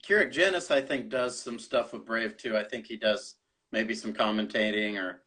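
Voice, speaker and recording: A man hosting a podcast, chatting in a relaxed, friendly way and often tagging his sentences with "man". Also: on the low side, normal speed. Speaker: podcast host. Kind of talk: casual interview chat.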